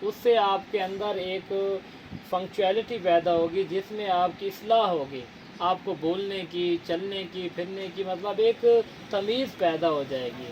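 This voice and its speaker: Here the Punjabi interviewer's voice is high-pitched and a little slow, with noise behind it. As host of his channel's casual interview, he lectures earnestly in formal language, leaning heavily on fillers.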